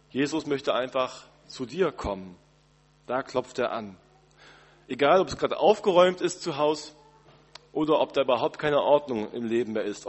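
Male pastor, mid-pitched, slightly husky, conversational Christmas sermon, long church reverb. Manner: gentle, conversational preaching with direct address.

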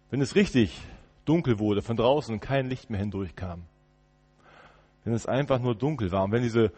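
A male preacher telling a story in the first person during a service, turning from loud outbursts to hushed murmurs. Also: fairly low pitch, long reverb tail. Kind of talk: first-person dramatic sermon monologue. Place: church.

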